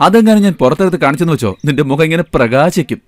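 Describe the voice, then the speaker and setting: A man's voice: a little high, lively intonation, racing, dry recording, natural voice. A man dubbing a young shop owner who soothes his girlfriend, in film dialogue. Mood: coaxing. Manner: coaxing, soothing. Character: young male shop owner and lover, eager to please. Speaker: dub actor.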